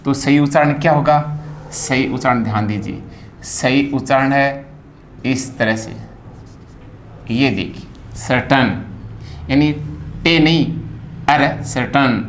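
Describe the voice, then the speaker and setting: A man teaching a phonetics lesson, spelling words out and repeating each sound slowly. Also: mid-range voice, a little hiss or hum.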